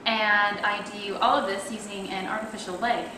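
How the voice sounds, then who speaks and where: A young Toronto woman with a Canadian accent, an athlete who vlogs, chats casually on camera and explains things with plenty of fillers. Her voice is medium-pitched with fairly even intonation and normal speed. The room is echoey, with noise in the background.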